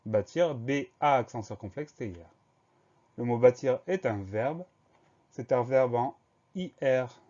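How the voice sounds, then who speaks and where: A man's voice: mid-range voice, animated, measured pace, dark tone, lo-fi sound. A male teacher leading a spelling lesson, carefully spelling words out letter by letter. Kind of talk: dictation lesson.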